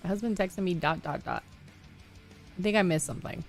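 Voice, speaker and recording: Her voice is low-ish with vocal fry and a brisk pace as she streams a game, with faint music behind her. The woman, in her thirties, stays upbeat with her viewers, laughs often, and fills her sentences with "like" and "you know."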